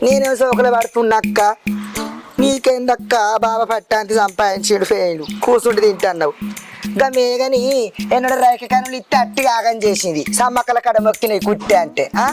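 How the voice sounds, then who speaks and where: A woman with a Telangana Telugu accent playing a sharp-tongued, quarrelsome village woman, scolding and bickering. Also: a little high, fairly quick, over music, natural voice.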